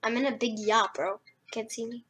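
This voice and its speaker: A playful young woman with a somewhat high voice teases her friend as they play together. There is clear crowd noise behind her, and she sounds fairly lively. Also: moderate pace. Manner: playful, teasing. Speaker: co-player. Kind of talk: casual gameplay chat.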